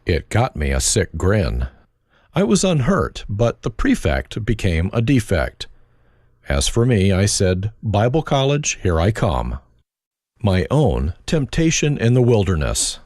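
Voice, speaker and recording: Older man with a German accent, deep voice. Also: wildly swooping pitch, unhurried, darkish tone, dry recording. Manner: reflective, dry wit. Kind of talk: autobiographical narration.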